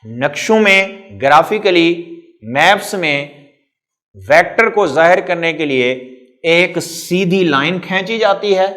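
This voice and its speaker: Teaching physics, this middle-aged man speaks a little high and a bit bright. His habit is to question the class and then supply the answers, stretching out key words as he goes.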